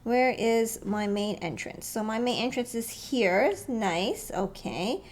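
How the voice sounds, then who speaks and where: A woman with a fairly high voice talks through floor plans in a loose, conversational way. She thinks aloud with frequent pauses and small chuckles. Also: animated, darkish tone. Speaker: real estate vlogger. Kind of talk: casual walkthrough commentary.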